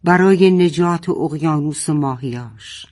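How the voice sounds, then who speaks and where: A man's voice: a little high, lightly acted. A man reading a solemn, brave narwhal. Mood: solemn farewell. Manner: quiet, solemn. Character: brave, sad narwhal saying farewell.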